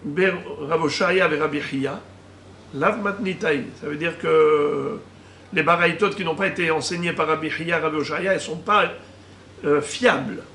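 A man, a rabbi, teaching a Talmud lesson, slowly reading out Hebrew and Aramaic terms and explaining each one. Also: a little high, sharp tone. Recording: echoey room with faint ambient noise.

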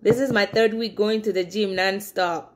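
Woman, 30s, upbeat chatty vlogger, mid-pitched voice, phone camera on the counter, echoey kitchen. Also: fairly even intonation, moderate pace, a little hiss or hum. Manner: upbeat, chatty, addresses viewers as guys. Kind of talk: casual chat to camera. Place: home kitchen, indoors. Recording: echoey room.

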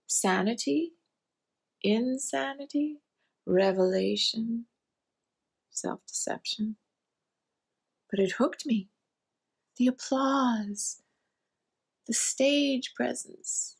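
A sardonic, self-mocking middle-aged drinker, played by an actress in a stage monologue. She talks slowly and deliberately, with long pauses and a husky, gravelly edge to her voice. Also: a little high, full character voice. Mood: wry. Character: wry hard-drinking middle-aged woman. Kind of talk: theatrical monologue.

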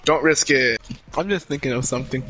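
A man's voice: medium pitch, fairly bright tone, soft background music. A young man joking goofily and bantering while playing a video game with a friend. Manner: goofy, joking, quick asides. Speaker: gamer. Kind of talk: casual gaming banter.

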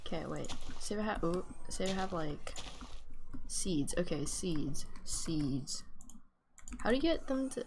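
A woman streamer commenting live on her gameplay, gushing and excitable, often dropping into hushed whispers. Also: on the low side, a little hiss or hum.

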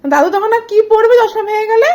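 A woman's voice: extremely high pitch, animated, quick pace, darkish tone, muffled recording. A woman with a Bengali accent, a mother vlogging at home and coaxing her small child in a sing-song voice. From India. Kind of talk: casual home vlog talk to a toddler.

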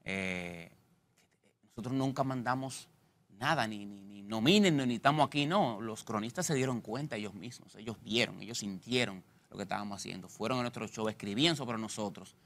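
This guest on a studio interview show is a stand-up comedian in his thirties from the Dominican Republic, with a Dominican Spanish accent. His voice sits on the low side and runs a little fast. Set in a TV studio, he's animated and joking, gesturing with his hands as he talks.

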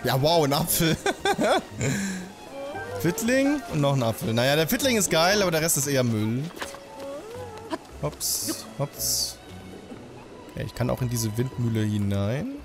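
Male let's play host, thirties, casual and slangy, animated delivery over game music. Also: on the high side, unhurried, pauses often. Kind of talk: casual gameplay commentary. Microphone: desk microphone close to the mouth.

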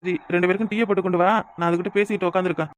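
A woman voicing a gruff, short-tempered village husband. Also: on the low side, level tone, rapid-fire, lightly acted. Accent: southern Tamil, Kanyakumari. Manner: gruff and demanding, snaps orders. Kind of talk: cartoon voice acting.

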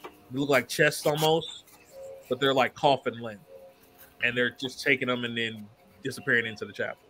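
A man's voice: medium pitch, fairly even intonation, normal speed, pushed and bright, faint music behind, poor audio. A man narrating as the game master of a tabletop game, in a laid-back, loose storytelling way. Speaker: dungeon master.

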